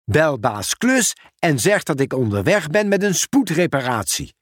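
A man's voice: a little high, very animated, measured pace, no room sound, studio quality. A man reading a storybook aloud, voicing a cheerful, dutiful postman in a slightly raised, eager voice.

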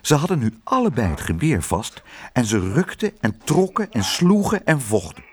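A man reading a children's book aloud, telling the story in an expressive, animated way. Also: mid-range voice, moderate pace.

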